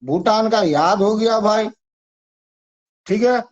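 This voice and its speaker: Slow-talking teacher drilling memory tricks. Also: male voice, sits high. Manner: chatty, repetitive, coaxing. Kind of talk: exam-prep lesson with memory tricks. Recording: dull lo-fi sound.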